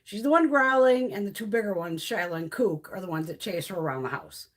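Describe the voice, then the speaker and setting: This middle-aged woman from Connecticut, USA, chats casually on her beauty live stream, sharing stories, cursing freely and laughing often. Her mid-range voice is animated and brisk but starting to wear out.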